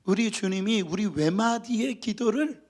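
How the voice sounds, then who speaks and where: High-voiced guy pastor preaching in church, earnest, keeps asking the crowd questions. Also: a little slow. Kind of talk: sermon.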